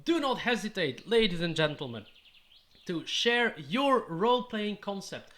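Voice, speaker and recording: A Dutch man in his thirties, a native speaker with a Dutch accent, hosts a YouTube channel and offers upbeat, encouraging roleplaying tips to camera in a scripted-sounding monologue. His voice is high, very animated, unhurried and fairly bright. He sits in a small room with striped curtains, speaking into a studio mic on a stand in front of him.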